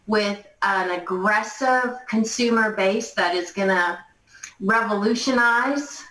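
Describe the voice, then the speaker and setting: A woman in her mid fifties, a company distributor, gives an unscripted testimonial, gushing with emphatic enthusiasm in a mid-range, slightly bright voice. The mic is distant, leaving the sound roomy and echoey.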